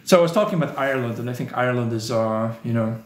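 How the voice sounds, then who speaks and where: A man talks loosely on his live stream, answering viewer comments in a rambling, opinionated way. His voice sits at an ordinary middle pitch. The room around him is echoey. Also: fast. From southern Netherlands. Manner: rambling, opinionated, many "you know" fillers.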